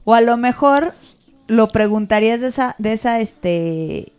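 A woman's voice: on the high side, expressive, measured pace, a little mellow, clear, resonant tone, soft background music. A woman co-hosting a casual chat, playful and teasing, drawing out her questions. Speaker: co-host.

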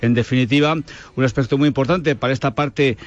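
A man reporting news for regional radio at a measured pace, pausing with hesitant fillers. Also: mid-range voice, fairly even intonation. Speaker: radio correspondent. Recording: dull lo-fi radio line.

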